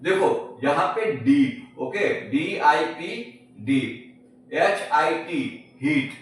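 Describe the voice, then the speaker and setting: A man's voice: a little high, animated, extremely slow. A man teaching a spoken language lesson, spelling words letter by letter, repeating each rule and asking the viewer questions. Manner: asks rhetorical questions to the viewers. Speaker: English teacher. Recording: echoey room, mic at a distance, faint noise.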